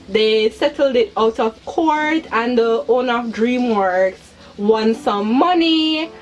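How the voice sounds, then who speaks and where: A young adult woman with a slightly high voice hosts a chatty video, talking personally to her viewers. She's hyper and giggly, repeating words for emphasis, and the recording is rough.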